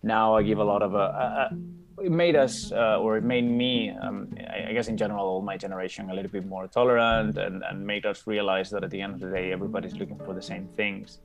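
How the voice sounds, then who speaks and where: A man in his thirties with a Spanish accent, talking as a podcast guest in a low, gravelly voice. He chats casually and restarts his sentences often, with music playing behind him. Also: fairly even intonation, fast talker. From Spain. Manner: talkative, many restarts and fillers. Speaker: podcast guest, tech company co-founder. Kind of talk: casual interview talk.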